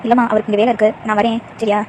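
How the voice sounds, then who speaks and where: Woman doing a hurt, soft-spoken young wife. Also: a little high, flat delivery, racing, a little hiss or hum, natural voice. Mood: subdued. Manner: soft, subdued, hiding sadness. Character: hurt young wife, quiet and self-effacing.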